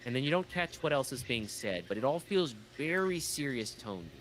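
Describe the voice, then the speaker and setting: A young man narrating a tabletop game as game master, loose and halting, full of fillers. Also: medium pitch, sing-song, fairly bright tone, a little hiss or hum, poor audio.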